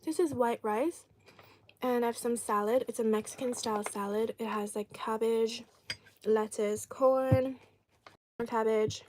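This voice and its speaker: A woman's voice: on the high side, steady tone, unhurried, a little mellow, a little hiss or hum. A woman live streaming an eating show, chatting casually and answering viewers while chewing and talking with food in her mouth.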